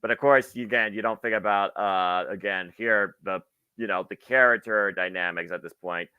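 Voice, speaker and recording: A man doing wrestling play-by-play commentary, with halting, wordy analysis between calls of the moves. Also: on the low side, steady tone, smooth, dry recording, phone-quality sound.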